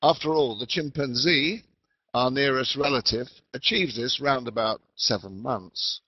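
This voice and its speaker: A man explains things in a calm, deliberate lecture voice at a middling pitch. He comes through a patchy remote call line that keeps fading in and out. The sound is dull, muffled and completely dry. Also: slightly rough, no echo. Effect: patchy online call audio that fades in and out. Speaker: webinar speaker. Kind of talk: educational lecture. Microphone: remote call mic.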